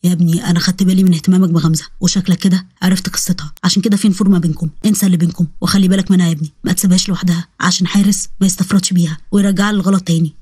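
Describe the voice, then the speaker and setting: Brief: a woman doing a soft-spoken, fatherly old Egyptian sheikh, lowered voice, dry recording. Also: little pitch movement, very fast, few pauses, breathy edge, dry recording. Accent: Egyptian Arabic. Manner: gentle, fatherly. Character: kindly old male sheikh, protective.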